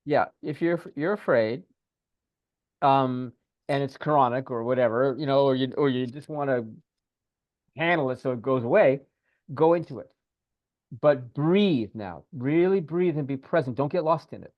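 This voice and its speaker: A man co-hosting a casual podcast, talking in an animated, repetitive way and coaching a listener through a guided breathing exercise over a video call. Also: mid-range voice, moderate pace, dry recording, lo-fi sound. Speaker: podcast co-host, spiritual teacher.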